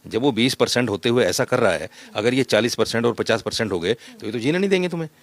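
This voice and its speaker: A man of medium pitch, a guest in a heated televised debate, talking fast and insistently. He stacks up his points one after another and hammers each one home. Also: animated. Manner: insistent, argumentative, lists points emphatically.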